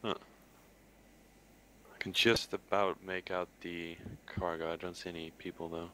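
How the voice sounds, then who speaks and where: A man's voice: low voice, flat delivery, unhurried, a bit bright, poor audio. A man speaking casually as a pilot in a military sim game, with occasional radio calls. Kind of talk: casual gaming chat with some radio calls. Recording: voice chat with faint background noise.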